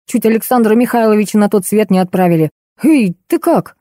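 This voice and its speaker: A woman's voice: mid-range voice, animated, fairly quick, warm tone, dry recording, natural voice. A woman reading the lines of a wry, laconic tall young man in an audiobook, speaking drily and ironically. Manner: dry, ironic.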